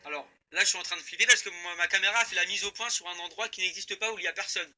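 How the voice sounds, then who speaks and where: A man's voice: sits high, very fast, sharp tone. A young man in his bedroom vlogging, chatty and easily spooked, swearing casually as he talks to viewers. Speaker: YouTuber. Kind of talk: casual spooky-calls vlog.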